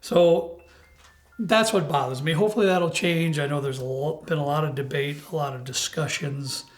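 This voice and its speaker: A man's voice: fairly high pitch, moderate pace. Man with an unsteady, grainy voice. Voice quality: unstable, grainy voice. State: unsteady voice while recovering from illness. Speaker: host of a bourbon review show. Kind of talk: casual opinionated chat. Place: home basement bar.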